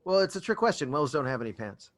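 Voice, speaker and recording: A man playing a tabletop game, wry and quick to argue in character. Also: a little high, sing-song. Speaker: player.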